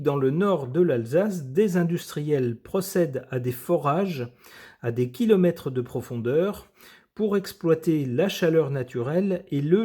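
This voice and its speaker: A man reads a news piece aloud and comments on it as a tarot reader, often hesitating with filler sounds. His voice sits a little high but sounds mellow and dark. He adds dry, ironic asides between the quoted lines. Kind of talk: reading a news article and commenting.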